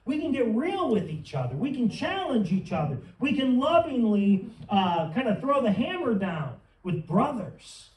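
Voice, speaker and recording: A man's voice: extremely high pitch, very animated, moderate pace, few pauses, a little mellow. A man preaching a sermon in church, fervent and building to emphatic peaks. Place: church sanctuary. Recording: roomy sound from some distance.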